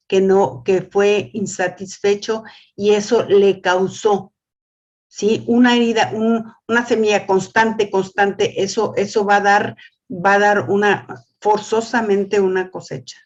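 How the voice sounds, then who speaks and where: Older woman, family lesson teacher, repeats words, animated storytelling, mid pitch, lo-fi audio. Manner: repeats words, asks "¿sí?" often. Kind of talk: church teaching talk.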